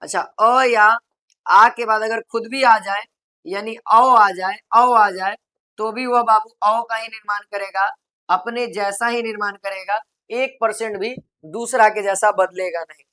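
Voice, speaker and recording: A woman teaching a grammar lesson for exam preparation. She asks the class questions, answers them herself, repeats them again and again, and draws out example words slowly. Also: mid-range voice, fairly even intonation, sharp tone.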